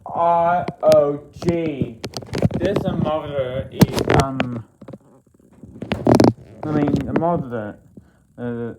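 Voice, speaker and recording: A man talking in a casual vlog, rambling and halting with many fillers and restarts. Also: fairly high pitch, steady tone. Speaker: vlogger. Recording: loud background noise.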